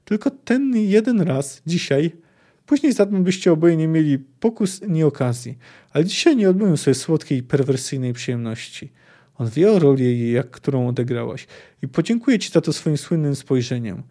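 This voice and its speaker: Guy doing a sharp proud sorceress lady, bossy and scornful, mellow tone, storybook reading. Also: fairly high pitch, expressive, moderate pace. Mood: mocking. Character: proud furious female sorceress, possessive and cutting.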